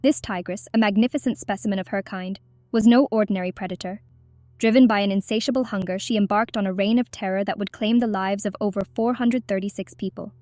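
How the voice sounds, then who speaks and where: A woman's voice: medium pitch, fairly even intonation, quick pace, a little mellow, dry recording. A woman reading scripted nature documentary narration in a dramatic, storytelling style.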